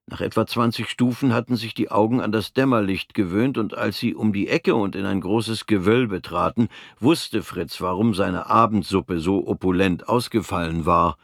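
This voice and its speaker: A man reading an audiobook in a measured, even storytelling manner. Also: lowish voice, creaky, no echo, clean studio sound. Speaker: narrator. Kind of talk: scripted audiobook narration.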